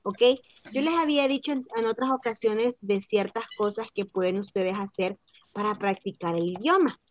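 A woman teaching a French class online, speaking slowly and repeating each word to model its pronunciation. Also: medium pitch.

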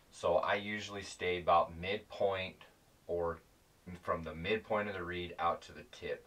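A man's voice: sits low, fairly bright tone, distant mic. A man giving a casual, rambling instructional talk as a calling instructor, plain-spoken and often correcting himself mid-sentence.

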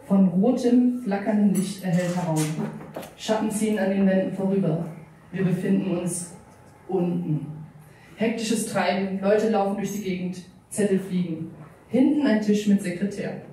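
A woman's voice: medium pitch, moderate pace, warm tone, a little hiss or hum. A woman narrating the stage directions of a staged script reading on a stage. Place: event hall stage with purple lights. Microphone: stand mic from a distance. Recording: echoey hall recorded from far off.

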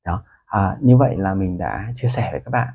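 Guy teaching english phrases, lowish voice, says them slow and repeats. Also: animated, vocal fry, warm tone, breathy edge, muffled recording. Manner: explains in Vietnamese, repeats English phrases slowly. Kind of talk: casual spoken lesson with example phrases.

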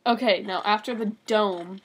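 A woman's voice: medium pitch, moderate pace, breathy edge. A young woman chatting casually and giving bossy directions while a friend plays a horror game at a laptop. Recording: noisy home recording.

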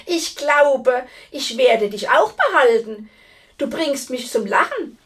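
Big loud bossy giantess, squeaky shrill yelling, done by a lady. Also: sing-song, slow pace, recorded from a distance, heavily acted. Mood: mocking. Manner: shrill and shouting. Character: huge fearsome boastful female giant.

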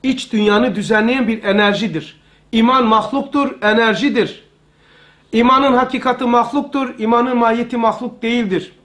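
Man, very high-pitched voice, religious study lecture, conversational, repeats phrases for emphasis, live circle of listeners. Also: fairly even intonation, normal speed, a bit bright.

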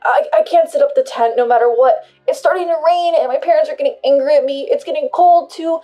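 A woman voicing an entitled husband who shouts demands over the phone. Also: sits high, quick pace, faint music behind, pitched above the performer's own voice, natural voice. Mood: panicked. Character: angry, entitled adult husband.

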